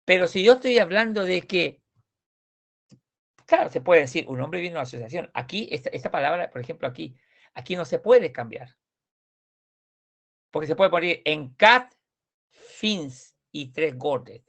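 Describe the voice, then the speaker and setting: A man's voice: a little high, expressive, normal speed, creaky, long pauses, fairly bright tone. A man teaching a language grammar class, explaining patiently and often asking students if they follow. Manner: patient, repeats words, asks checking questions. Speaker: Swedish teacher.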